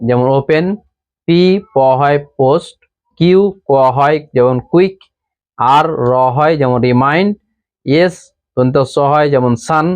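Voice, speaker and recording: A man with a Bengali accent giving an English pronunciation lesson, slowly repeating each rule and example. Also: a little high, a little mellow. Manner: slow, patient, repeats rules and examples. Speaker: English teacher.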